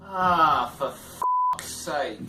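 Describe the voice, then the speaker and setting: A man's voice: on the high side, wildly swooping pitch, very slow. A man playing a quiz game, commenting frankly and swearing, laughing at himself. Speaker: gamer. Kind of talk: casual let's-play commentary. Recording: roomy distant mic. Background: game music.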